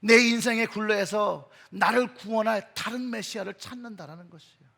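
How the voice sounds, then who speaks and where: A middle-aged male pastor giving an emphatic sermon in a church, his voice surging in pitch and loudness. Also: fairly quick, vocal fry. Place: church sanctuary.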